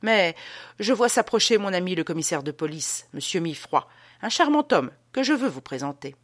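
A pompous gentleman lecturing his friends, stressing each point and pausing for rhetorical questions, read by a woman narrator. The voice sits fairly low and swings widely in pitch. The recording is dry and close. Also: sing-song, no room sound. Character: pompous man lecturing on souls.

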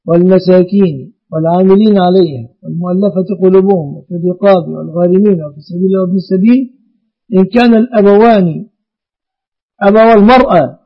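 A man answers callers' religious questions on a call-in program. He teaches emphatically, in a fairly high voice, and breaks his rulings into numbered points. The sound is slightly dull and lo-fi. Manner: didactic, emphatic, checks the listener follows.

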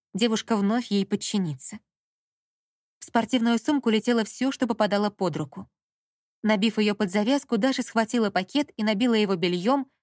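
A woman narrating a story in a calm, even audiobook reading. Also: medium pitch, dry recording, studio quality.

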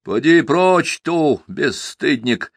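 A man's voice: a little high, very animated, slow pace, slightly rough, no echo, clean studio sound, pitched above the performer's own voice, heavily acted. A man voicing a shrewd, prosperous merchant who talks in a folksy, wheedling and sometimes stern way.

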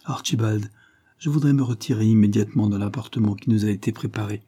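A man reading aloud voices a gentle, tired young wife who speaks softly and quietly. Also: fairly low pitch, fast, husky. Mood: weary, gentle. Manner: soft and hushed. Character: gentle, weary young lady, soft-spoken.

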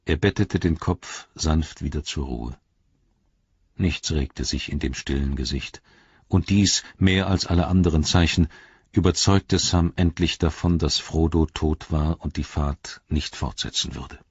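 A man reads an audiobook in a slow, sombre, measured way, his low voice very husky. The recording is dry and dull, with no room around it. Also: darkish tone, no room sound. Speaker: audiobook narrator. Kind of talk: scripted narration.

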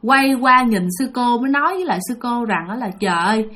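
A woman's voice: a little high, lively intonation, fast, a bit bright. A woman telling a ghost story in a chatty way, talking straight to her listeners. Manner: chatty, addresses listeners directly, lots of fillers.

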